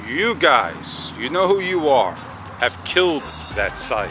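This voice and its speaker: A man in his forties vlogging outdoors, rambling slowly and haltingly with frustration, on a clip-on mic. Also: mid-range voice, sing-song. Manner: slow, halting, frustrated rambling with long pauses. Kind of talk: casual walk-and-talk vlog. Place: outdoors on a sunny garden patio and paths. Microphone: small wireless clip-on mic.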